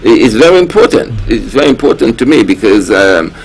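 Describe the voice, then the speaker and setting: A man's voice: medium pitch, sing-song, brisk, slightly rough, rough recording. A man with a Kittitian-Nevisian accent speaks earnestly and emphatically in a panel discussion, repeating words for stress. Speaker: talk programme panellist.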